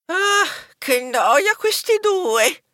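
Storybook creature: tiny cheeky ghost, squeaky and extremely high. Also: male voice, big pitch swings, drawn-out words, pushed and bright, no room sound, studio quality, exaggerated voice. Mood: gleeful. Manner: squeaky, gleeful. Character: tiny greedy mischievous little ghost.

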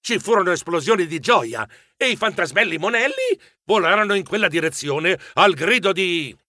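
Male audiobook narrator for children: animated, bright, playful. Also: sits high, moderate pace, no echo, studio quality. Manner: expressive, playful storytelling.

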